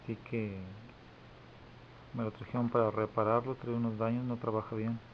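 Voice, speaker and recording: A repair technician gives an informal hands-on demonstration indoors, recorded on a handheld camera's built-in microphone. His mid-range voice is flat and moderately paced, and the dull lo-fi audio carries clear background noise.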